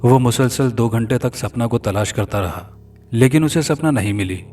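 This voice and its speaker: A man narrating a scripted horror story in an even, dramatic storytelling manner. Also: medium pitch, moderate pace. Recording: distant mic with faint music.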